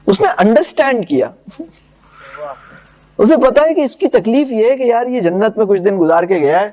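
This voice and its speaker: A man giving a lecture on classical poetry. He recites verses slowly and solemnly, then explains them in quick, conversational asides and checks whether his listeners follow. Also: high voice, lively intonation, darkish tone. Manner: asks listeners whether the point is clear.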